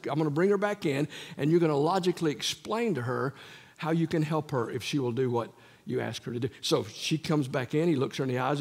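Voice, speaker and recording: A man's voice: on the high side, slightly rough. An older man preaching a sermon, telling stories from his years as a counselor and acting out the voices of the people in them. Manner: animated storyteller acting out quoted voices. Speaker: guest preacher and former counselor. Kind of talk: storytelling sermon. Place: large church sanctuary. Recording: long reverb of a large church hall.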